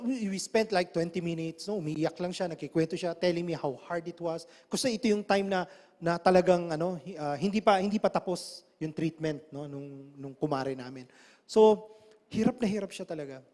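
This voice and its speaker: High-voiced Filipino man preaching. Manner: animated, switching between English and Tagalog, asks the audience many questions. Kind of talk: sermon. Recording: long hall reverb.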